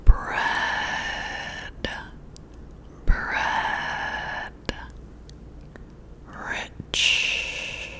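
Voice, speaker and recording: Right at the listener's ear, a female ASMR creator whispers a role-play in which she is a boss giving a personality test. Her breathy, airy whisper moves extremely slowly, offering gentle, soothing, deliberate instructions through a close-up ear-to-ear microphone.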